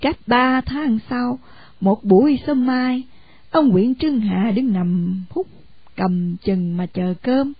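A woman reading a story aloud in an expressive, animated way. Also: fairly high pitch, takes it slowly, slightly rough. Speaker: narrator. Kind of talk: scripted storybook narration. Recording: dull lo-fi, dry sound.

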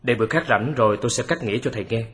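A man playing an excitable, grateful lawyer who questions the detective eagerly in a radio drama. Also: medium pitch, very fast, close to an everyday voice. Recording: long hall reverb.

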